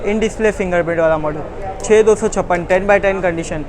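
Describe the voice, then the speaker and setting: A man with a Pakistani accent selling phones in an insistent teleshopping-style pitch, repeating prices and stock phrases as he runs through models. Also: a little slow. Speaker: phone seller. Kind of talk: rapid sales pitch listing models and prices. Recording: busy street noise and chatter.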